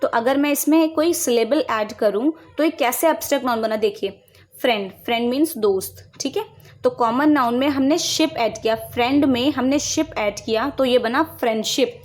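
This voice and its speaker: Woman teacher explaining to children. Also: sits high. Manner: addresses students as beta, frequent "है ना?" check-ins, explains slowly line by line. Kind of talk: bilingual classroom explanation to children.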